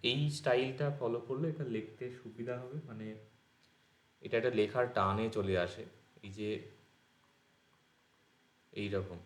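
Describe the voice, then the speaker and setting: Guy teaching grammar, super slow, writing as he explains, roomy echo. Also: mid-range voice, fairly even intonation. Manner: explains slowly while writing on a page. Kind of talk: exam-prep lecture. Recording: echoey room.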